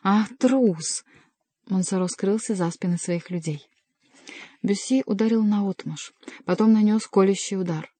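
Woman reading a novel in a mellow voice. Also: mid-range voice, moderate pace, no echo. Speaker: audiobook reader. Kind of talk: scripted narration.

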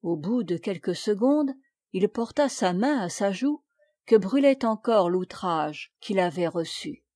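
A woman reading a classic tale aloud as an audiobook narrator, in a measured, deliberate way. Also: medium pitch, expressive, dark tone, no room sound, clean studio sound. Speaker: audiobook reader.

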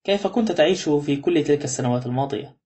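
Curt, wary young gentleman for a storybook reading, as a male narrator puts him on; fast and firm. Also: a little high, lively intonation, natural voice.

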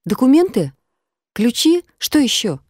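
Katya, woman doing a squeaky anxious girl. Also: lively intonation, brisk, warm tone, dry recording, clean studio sound. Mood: anxious, insistent. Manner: squeaky, pleading. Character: flustered, anxious young woman Katya, insistent.

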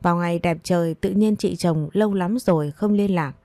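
A woman's voice: fairly low pitch, brisk, mellow, dry recording. A woman narrating a first-person family drama story, her retorts cutting and defiant.

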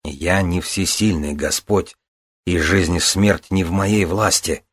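Man voicing a grave priestess figure, slow, low, husky, stern. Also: fairly even intonation. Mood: stern measured. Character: stern, sorrowful enchantress, lady of Avalon.

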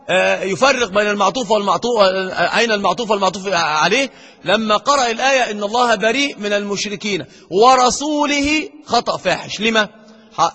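A man with an Egyptian Arabic accent teaches grammar at a brisk, driving pace, his voice high and edged with husk. He keeps throwing questions at his students and slows down to stress each quoted verse. The sound rings with the long reverb of a lecture hall. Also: bright, forceful tone, breathy edge. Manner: quizzes the students with rhetorical questions. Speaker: Islamic scholar teaching grammar. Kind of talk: classroom lecture.

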